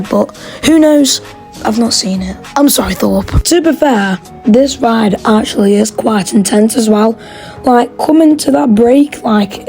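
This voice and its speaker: A woman's voice: mid-range voice, vocal fry, darkish tone, low-quality recording. A woman, chatting casually in a rambling, enthusiastic voice-over as she ranks theme park rides.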